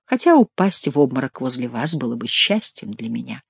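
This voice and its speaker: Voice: medium pitch, big pitch swings, fairly quick, gravelly, breathy edge, no room sound, voice pushed down, heavily acted. A reader voicing an amorous cheerful king. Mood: tender. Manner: tender, effusive. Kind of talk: audiobook character reading.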